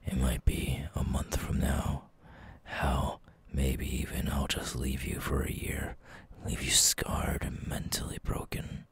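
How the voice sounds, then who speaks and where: A man playing a menacing, teasing eyeless night creature in an ASMR roleplay, whispering in a breathy, gravelly, slow and deliberate way. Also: extremely low pitch, completely flat delivery, heavily acted. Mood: quietly threatening.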